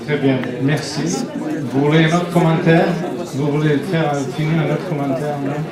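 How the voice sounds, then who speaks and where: A man moderating a public meeting, speaking slowly and haltingly with many restarts. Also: on the high side, steady tone. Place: large meeting hall. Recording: echoey hall, crowd, from far off.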